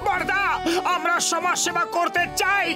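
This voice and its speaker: A very high, excitable cartoon voice, naive and eager to help. The earnest do-gooder of an animated comedy speaks over loud music. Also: measured pace. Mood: dejected.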